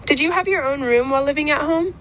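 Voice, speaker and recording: A woman's voice: sits high, quick pace, a bit bright, slight background noise. A woman reading interview questions. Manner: reads questions.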